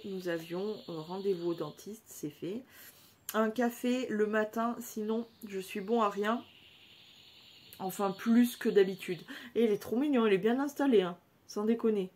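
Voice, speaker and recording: A woman's voice: mid-range voice, darkish tone. A woman vlogger chatting casually about her day, slangy and full of asides. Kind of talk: casual vlog chat.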